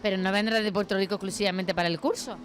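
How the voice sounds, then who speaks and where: A woman reporting on location for TV, asking friendly questions in quick succession. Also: medium pitch, fairly even intonation. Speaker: field reporter. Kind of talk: on-location TV interview.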